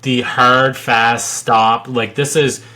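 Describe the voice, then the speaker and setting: A man co-hosting a podcast, with a voice of ordinary middle pitch. He speaks earnestly and emphatically. He often cuts in with quick agreement. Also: little pitch movement, sharp tone. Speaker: podcast co-host. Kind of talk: casual chat.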